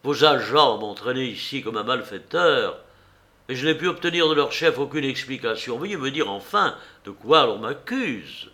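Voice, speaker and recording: A man voicing a proud, evasive gentleman under arrest who speaks with restrained anger. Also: mid-range voice, lively intonation, moderate pace. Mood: indignant.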